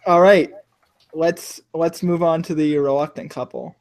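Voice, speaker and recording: Speaking unhurriedly in a voice on the high side, steady and darkish, this game master from South Florida has no accent. He runs the tabletop session chattily, full of fillers, "like," and restarts.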